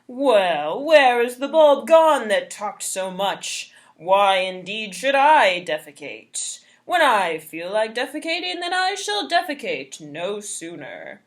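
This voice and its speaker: A boastful, foolish folktale trickster, acted out by a woman. The storybook voice is blustering and declamatory, taking its time and swinging in pitch as it brags. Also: sing-song, slow pace, hardly any pauses. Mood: boastful, defiant. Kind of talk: folktale character voice.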